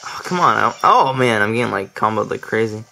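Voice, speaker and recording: Bright-voiced young man commentating gameplay. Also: lowish voice, lively intonation, fast talker, creaky, rough recording. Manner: chatty, laughs often, stumbles over words. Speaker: let's play commentator. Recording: faint game music behind.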